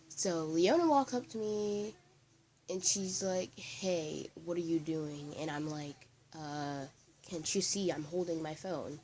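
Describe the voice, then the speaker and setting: Low-voiced teen girl telling a story. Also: a little mellow. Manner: chatty, rambling, many fillers. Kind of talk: casual storytime narration. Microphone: voice-over, not on camera.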